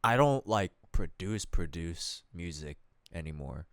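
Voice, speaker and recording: A young Korean man in his twenties co-hosts a podcast and works as a DJ, chatting casually in a relaxed, hesitant manner full of fillers. His low voice is expressive and a touch slow, with a crowd audible behind him.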